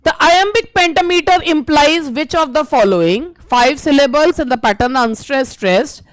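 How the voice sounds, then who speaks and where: High-pitched woman teacher going through exam questions, reads them out slow. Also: animated, no echo. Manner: reads English questions slowly, explains in Hindi. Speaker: English literature teacher. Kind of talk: exam-prep lesson.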